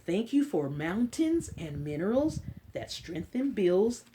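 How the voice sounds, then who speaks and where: With her mid-range voice, a woman hosting children's story time reads a picture book in a drawn-out, expressive manner, pausing for chatty words of encouragement. A little hiss or hum runs underneath.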